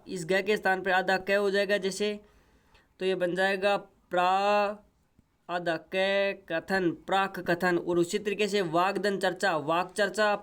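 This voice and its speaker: Man, grammar teacher, high clear voice, slow deliberate pace, repeats each step. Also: fairly bright tone. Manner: repetitive step-by-step explaining. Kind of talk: grammar lesson.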